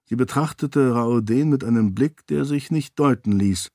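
A man narrates a fantasy novel at a steady, measured pace. His voice sits at a middle pitch. He is recorded close and dry, with no room sound. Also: dry recording. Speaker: audiobook narrator. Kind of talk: scripted narration.

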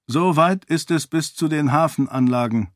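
Audiobook: man doing a young man, earnest and wondering, noticeably raised pitch. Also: moderate pace, dry recording, studio quality, close to an everyday voice. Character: young man, newly healed, precise with numbers.

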